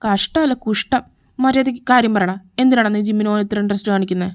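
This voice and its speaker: A woman's voice: medium pitch, fast, no echo, studio quality, natural voice. Woman reading as a mocking elder brother. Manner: mocking, nagging, sarcastic. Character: bossy young man, teasing elder brother. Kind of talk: fan fiction audio story.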